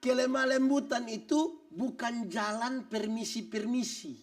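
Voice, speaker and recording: A man preaching a church sermon, animated and joking, acting out little scenes. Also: very high-pitched, a little slow, distant mic. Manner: animated preaching with acted-out quotes and jokes. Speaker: pastor.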